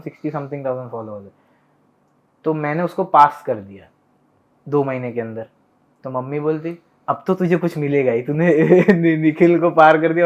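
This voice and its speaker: A young man chatting as a podcast guest, telling stories and acting out family dialogue. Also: mid-range voice. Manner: animated retelling that acts out family dialogue. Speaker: podcast guest, content creator. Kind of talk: casual storytelling chat. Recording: tinny phone-like sound.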